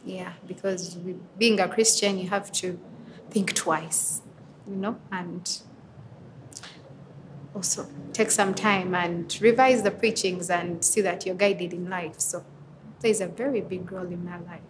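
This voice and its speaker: A young woman in her twenties from Uganda speaks earnestly in an interview. She answers reflectively, with pauses and small fillers as she gathers her thoughts. A faint hum of background noise sits behind her voice. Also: fairly low pitch, steady tone. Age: 20s. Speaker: interviewee, advocate for women and girls.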